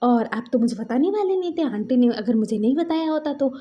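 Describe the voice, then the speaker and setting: Girl putting on a young guy nagging his hurt boyfriend, high and fussy, muffled lo-fi sound. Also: animated, moderate pace. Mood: worried scolding. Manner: high-pitched, scolding questions fired off in a row. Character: worried, scolding young man fussing over his hurt lover.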